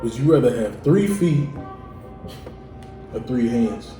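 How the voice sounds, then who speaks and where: A man's voice: medium pitch, sing-song, slow pace. A young man hosting a food challenge vlog, joking and laughing often as he teases his guest. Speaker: vlog host. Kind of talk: casual mukbang chat. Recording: echoey room, distant mic, music behind.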